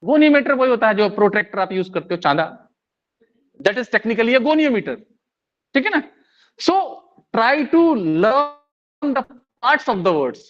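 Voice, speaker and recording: A man's voice: very high voice, a bit bright. A man with an Indian accent giving a live-streamed lesson, explaining word roots in mixed Hindi and English and often checking in with his listeners. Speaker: English teacher. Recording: dull lo-fi stream audio.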